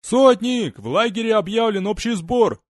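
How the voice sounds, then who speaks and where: A man voicing a young scout soldier rushing in with an urgent report in an audiobook. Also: sits high, dry recording, clean studio sound, pitched above the performer's own voice, lightly acted.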